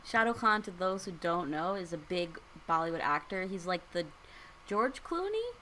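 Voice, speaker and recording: A woman's voice: fairly low pitch, moderate pace, slight background noise, low-quality recording. A woman in her early twenties chatting on a podcast with a dry, teasing manner. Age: 20s. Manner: teasing, deadpan. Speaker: podcast co-host. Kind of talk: casual chat.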